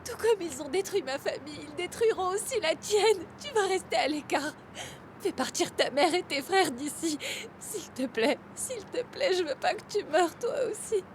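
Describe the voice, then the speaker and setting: A woman's voice: very high voice, expressive, moderate pace, noisy background. An actress voicing a distraught young woman in a French drama dub, pleading and breathless with sobs. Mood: tearful despair. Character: distraught young woman, frightened for her family. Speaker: dubbed actress in a TV series. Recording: loud dramatic score behind dialogue. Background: music.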